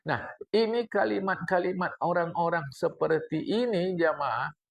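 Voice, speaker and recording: An older man teaches a study circle, his speech lively and full of asides to the listeners. His voice is gravelly with a slightly raised pitch. He recites Arabic lines and then unpacks them plainly. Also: a little slow. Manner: animated lecturing, addresses the congregation, recites Arabic text then explains. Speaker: religious teacher. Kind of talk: mosque study-circle sermon.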